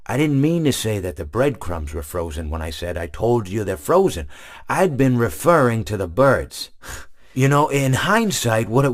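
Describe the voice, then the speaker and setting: An actor with a fairly low male voice plays a friendly, long-winded animatronic hippo. He rambles through meandering stories, restarting again and again.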